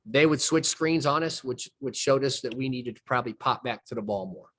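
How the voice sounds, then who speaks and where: This man, a basketball coach from the southern U.S., speaks fairly quickly in a mid-range voice with a fairly bright tone. He's in a film breakdown conversation, walking through plays one step at a time with folksy charm.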